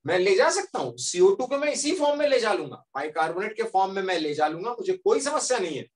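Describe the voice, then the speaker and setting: A man's voice: high voice, sing-song, fast. A male teacher voicing blood plasma as a helpful character who bargains in a classroom story. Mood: reassuring. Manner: reassuring, then firm and haggling.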